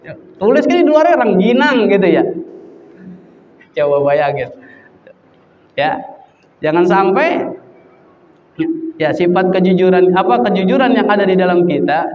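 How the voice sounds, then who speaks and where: High-voiced Betawi preacher in an echoey hall. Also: male voice, slight background noise. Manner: folksy, jokey storytelling with loud acted cries. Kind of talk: casual Islamic sermon with storytelling. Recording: roomy hall from far off, dull sound.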